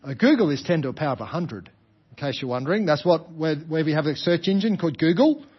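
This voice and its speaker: Male preacher, Australian, high-pitched. Explanatory sermon delivery with emphatic repetition and rhetorical questions. Slightly muffled sound. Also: expressive, fast, slightly rough. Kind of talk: sermon, explaining a parable to a congregation.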